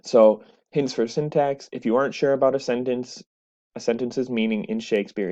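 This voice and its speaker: A man's voice: on the low side, warm tone. Male teacher, recorded lecture over a webcam, slightly dull sound, patient explanations. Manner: explanatory, with frequent "right?" and "so".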